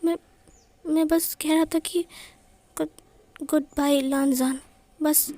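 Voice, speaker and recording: महिला की आवाज़ में रोता, हकलाता जवान लड़का. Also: female voice, sits high, steady tone, slow pace, dark tone, no echo. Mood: tearful. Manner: stammering, whispery sobbing. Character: tearful young man, heartbroken and clingy.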